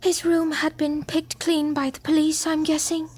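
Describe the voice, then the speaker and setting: A woman's voice: high voice, completely flat delivery, normal speed, crowd noise, close to an everyday voice. A woman voicing a prim, dramatic posh unicorn mare in a fan game dub, with refined theatrical diction. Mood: refined worry. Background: music.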